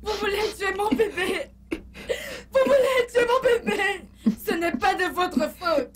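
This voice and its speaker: Une actrice qui double une patronne enceinte, éplorée, qui se plaint en pleurant. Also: female voice, very high voice, unhurried, fairly bright tone, far from the mic. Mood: tearful outrage. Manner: tearful, wailing complaints. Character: distraught pregnant mistress of the house. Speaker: pregnant lady of the house. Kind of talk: dubbed film acting.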